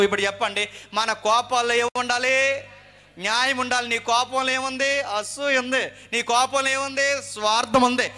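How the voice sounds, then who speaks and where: A man's voice: extremely high pitch, bright, forceful tone. A male preacher with a Telugu accent giving an emphatic sermon, asking the congregation questions and repeating phrases for force.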